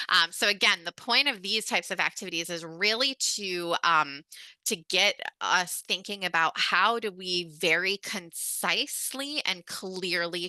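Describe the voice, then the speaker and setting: A woman trainer running a webinar over a video call, with a very bright, forward tone and a dry, close sound. Her delivery is casual and chatty, full of "um"s and "like"s. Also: fairly low pitch, no echo. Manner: chatty and informal, heavy on fillers like "um" and "like". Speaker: communication skills trainer.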